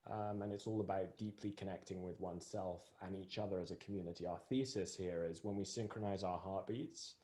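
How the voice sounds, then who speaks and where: A man facilitating an online group session, encouraging, with halting restarts. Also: deep voice, fairly even intonation, warm tone.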